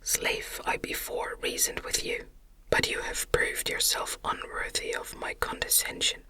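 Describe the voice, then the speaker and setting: In a breathy, smothered ASMR whisper, a narrator plays a vengeful, wretched male monster out of a gothic story, speaking in menacing, grandiose, archaic terms. The delivery is unhurried, bright and forceful, commanding and threatening.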